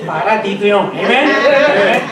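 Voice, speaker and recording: Over a noisy crowd, a man with a high-pitched, expressive voice preaches a comic sermon as pastor at a moderate pace, shifting between Tagalog and English and mimicking people he talks with. He's in a large church hall where the congregation responds, and the distant recording echoes.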